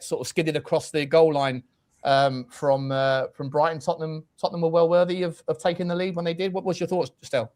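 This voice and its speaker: Chatty man hosting. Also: fairly high pitch. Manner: chatty, laughs easily, lots of fillers. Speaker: podcast host. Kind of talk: casual football chat. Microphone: video call.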